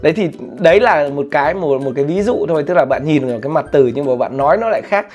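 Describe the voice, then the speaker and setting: A man talks casually in a slightly high voice and gives study advice. He rambles, stops for fillers and corrects himself as he goes. Soft music plays under his voice the whole time. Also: lively intonation, fast talker. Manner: says plainly he is not a teacher. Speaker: vlogger sharing study tips. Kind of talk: casual spoken tutorial. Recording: light background music.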